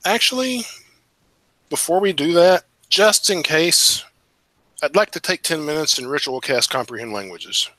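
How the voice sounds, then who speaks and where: A man's voice: fairly high pitch, expressive, measured pace, pushed and bright, no room sound. A man playing a tabletop game, asking question after question about the details. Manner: inquisitive, pressing for detail. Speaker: player. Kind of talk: casual tabletop play.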